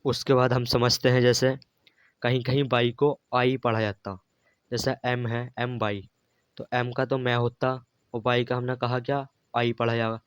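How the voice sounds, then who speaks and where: A man's voice: mid-range voice, little pitch movement, moderate pace, smooth, no room sound. A man teaching a beginners' English phonics lesson, patiently spelling words out letter by letter and repeating them. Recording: dry, slightly dull lo-fi recording.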